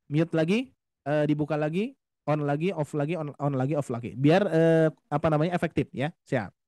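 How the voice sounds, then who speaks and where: A man with a fairly high voice leads an online recitation lesson, explaining each point patiently and politely. He often stretches out words as he models the pronunciation. The sound is dry and close, with no room echo. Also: dark tone. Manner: patient, explains slowly, often addresses "Bapak Ibu", models recitation drawn out. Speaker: Quran recitation teacher. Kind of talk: online tajwid class. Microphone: video call.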